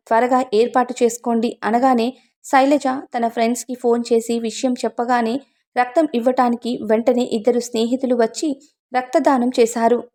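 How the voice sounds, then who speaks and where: Woman storyteller for an emotional audiobook, earnest scripted narration, voice sits high. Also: darkish tone.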